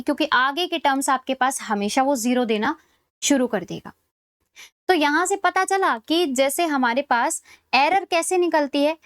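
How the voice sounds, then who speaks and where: A woman lecturing on maths for exam preparation. She explains step by step, often checking that students follow, and slows right down to dictate formulas. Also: high-pitched, dry recording, studio quality.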